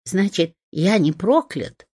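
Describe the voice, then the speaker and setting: A woman's voice: fairly low pitch, lively intonation, takes it slowly, a little mellow, breathy edge, voice pushed up, full character voice. A woman voicing a small, anxious male hedgehog who talks in a fretful, indignant way.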